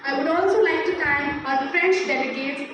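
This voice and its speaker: High-voiced event anchor. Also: female voice, normal speed, highs cut off. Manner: rehearsed, formal. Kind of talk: formal event hosting. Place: school assembly hall. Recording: echoey hall, distant mic, noisy.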